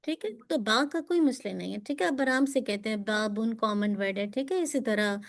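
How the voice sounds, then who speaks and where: A woman teaching Quran recitation, who patiently drills sounds slowly and clearly and switches between Urdu and English to explain them. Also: a little high. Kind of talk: pronunciation lesson for students.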